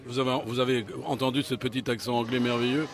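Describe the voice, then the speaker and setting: A man's voice: mid-range voice, flat delivery, fast. A man interviewing two performers, chatty and jokey, with plenty of fillers and wordplay. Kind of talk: casual street interview.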